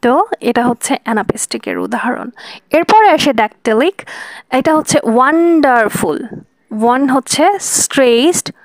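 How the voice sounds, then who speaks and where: A woman teaching a lesson, patiently explaining step by step and slowing down to sound out examples. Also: high voice, lively intonation, no echo. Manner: patient, repeating and spelling out examples slowly.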